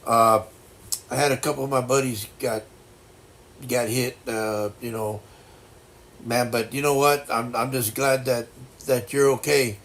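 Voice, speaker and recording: A man in his sixties chatting casually as a livestream host, with a blocked-nose sound and a halting, reflective, folksy way of reassuring people. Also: medium pitch, fairly even intonation, a bit bright. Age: 60s. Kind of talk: casual chat.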